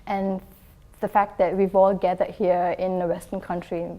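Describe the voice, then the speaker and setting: A woman's voice: on the low side, flat delivery, moderate pace, highs cut off. A woman from Singapore, a guest in an interview, answering thoughtfully with frequent hesitations and filler ums.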